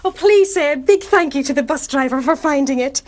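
A woman playing a friendly grown-up who reads a picture book aloud to children in a sing-song, expressive way. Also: high voice, fairly quick. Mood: cheerful. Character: friendly grown-up carer named Judy. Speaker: storyteller to children. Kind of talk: children's TV acting, reading aloud.

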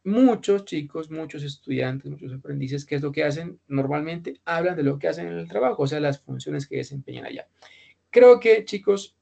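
Man, English teacher, gravelly, husky, repeats himself, checks understanding. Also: fairly high pitch, a little fast, few pauses, a little mellow. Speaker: English instructor. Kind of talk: online class explanation.

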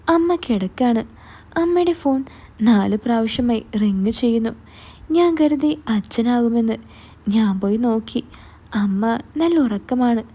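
A woman narrating a first-person dramatic story in a steady, earnest way. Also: on the high side, slightly rough.

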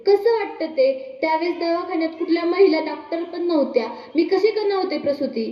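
A woman's voice: very high voice, lively intonation, fairly quick. A performer playing an anxious, devoted young village mother in a school stage play, pleading with an emotional delivery. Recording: echoey hall, dull sound, faint music.

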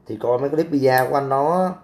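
Brash livestreamer, dark voice. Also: male voice, medium pitch, fast. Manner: brash, crude, blocks commenters. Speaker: livestream host. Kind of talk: casual livestream chat reading comments.

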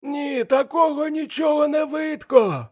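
A man voicing a jumpy male pirate who shouts down from an upstairs window in a strained way. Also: very high voice, measured pace, voice pushed up. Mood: agitated.

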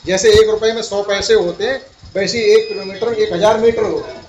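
High-voiced male teacher, echoey classroom. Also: fairly even intonation, a little fast, darkish tone. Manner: asks pupils questions and repeats answers. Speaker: primary school teacher. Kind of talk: classroom lesson. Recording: roomy, far-off, dull, slightly noisy.

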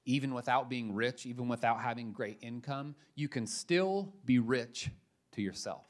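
A male pastor preaching a sermon, emphatic, moving between quiet asides and loud punches, with casual slang. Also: mid-range voice, moderate pace.

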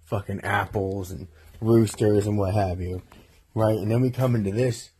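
Foul-mouthed dude filming trashed houses on his phone, husky voice, hyped and crude. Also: lowish voice, normal speed. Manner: crude, excitable, heavy swearing. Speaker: social media creator. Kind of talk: profane vlog narration over phone clips. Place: abandoned houses indoors.

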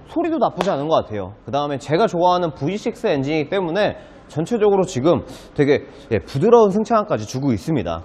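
Man with salesman patter, lively pitch swings. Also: slightly rough. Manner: polite salesman patter, enthusiastic selling. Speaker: used car dealer presenting a car. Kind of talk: car sales walkaround, casual presenting. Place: inside a car and in an underground car park.

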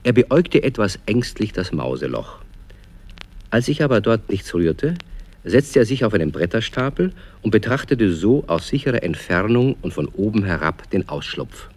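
A man narrating a children's radio story in a calm, measured way. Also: fairly low pitch, breathy edge.

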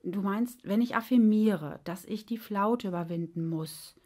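A woman's voice: mid-range voice, unhurried, a little mellow, close to an everyday voice. A woman voicing a fretful, literal-minded male mind that sounds puzzled and sheepish.

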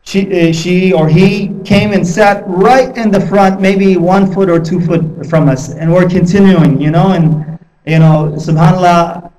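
A man giving a Friday sermon, telling stories in a slow, earnest way and weaving in Arabic phrases. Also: high-pitched, steady tone, dark tone. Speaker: khatib, preacher. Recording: roomy hall, distant mic.

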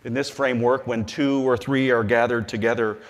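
A middle-aged man, a bishop, delivering a measured, earnest sermon-style address from a lectern in a large hall. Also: mid-range voice, fairly even intonation. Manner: measured and earnest, slowing and softening on scripture.

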